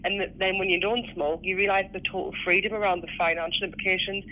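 A man who used to smoke, talking earnestly about quitting, with halting restarts. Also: sits high, level tone, pushed and bright, slight background noise, poor audio. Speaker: former smoker. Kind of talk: personal testimony.

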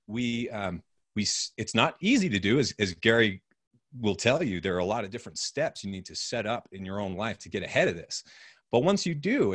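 A man's voice: on the low side, breathy edge, no room sound, clean studio sound. A man as a podcast guest, talking in an easygoing, reflective way with casual filler words. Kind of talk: casual conversation.

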